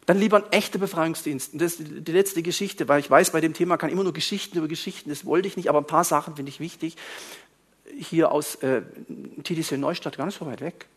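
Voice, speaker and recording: A man preaching to a congregation, telling stories in an animated way that swings between quiet asides and loud outbursts. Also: high-pitched, slightly rough. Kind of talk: storytelling sermon.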